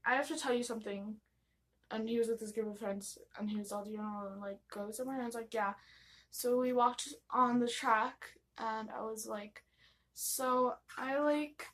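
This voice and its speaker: Young American woman, high-pitched gossipy storyteller. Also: fairly bright tone. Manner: gossipy, giggly, rambling, quoting dialogue with "I was all". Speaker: vlogger telling personal stories. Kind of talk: casual confessional storytime.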